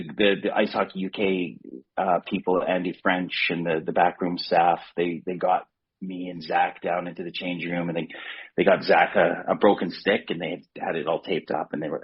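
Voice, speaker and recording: A man's voice: low voice, husky, lo-fi sound. A man guest on a podcast, telling long rambling stories in casual chat with many restarts.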